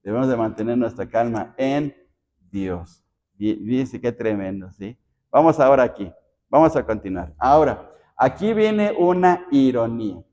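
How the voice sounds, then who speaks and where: A man's voice: mid-range voice, expressive, measured pace, warm tone, muffled recording. A man preaching a Bible study sermon as pastor, asking the congregation rhetorical questions.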